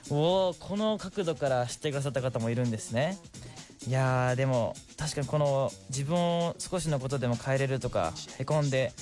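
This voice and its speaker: A man's voice: medium pitch, a little fast, darkish tone, soft background music. A young man, hosting a radio show in a studio, reading listener letters and answering them in a friendly, chatty way. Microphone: studio microphone.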